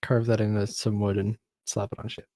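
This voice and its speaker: A man's voice: fairly low pitch, flat delivery, fairly quick, dark tone, no room sound. A man co-hosting a podcast in casual chat, laid-back, with a dry, teasing humor. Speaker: podcast co-host.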